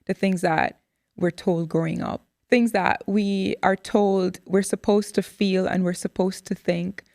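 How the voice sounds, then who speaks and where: Woman host, 30s, animated and expressive, dry close sound. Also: mid-range voice, a little slow, no echo. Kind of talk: candid interview chat.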